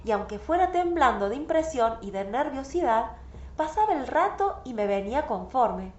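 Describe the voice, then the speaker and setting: A woman's voice: high voice, big pitch swings, normal speed. A woman reading a novel aloud in the first person, telling the story with anguished emotion. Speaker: audiobook reader. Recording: roomy, slightly dull recording.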